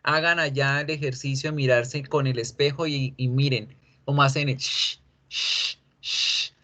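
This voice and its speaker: A man teaching English pronunciation in an online lesson, drawing out each sound slowly as he models it. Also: medium pitch, steady tone, pushed and bright. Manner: slow, drawn-out modeling of sounds.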